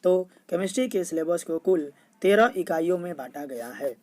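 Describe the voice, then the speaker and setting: A woman teacher reading out a school syllabus as a steady, itemized list. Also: fairly low pitch, moderate pace.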